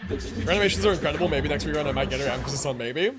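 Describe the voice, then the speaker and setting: A young adult video game livestreamer talks in a medium-pitched, rapid-fire voice over a noisy crowd, reacting to gameplay with casual, slangy, exclamatory commentary. Game music and sounds play behind the voice.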